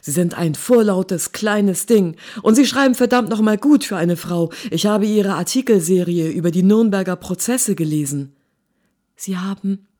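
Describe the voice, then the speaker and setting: A gruff middle-aged war reporter who grumbles and blusters, barking his lines before dropping to a hush, read out by a woman. The voice sits low and mellow, a storybook figure read aloud rather than fully acted. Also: brisk. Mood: blustering. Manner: blustering, barking, then hushed.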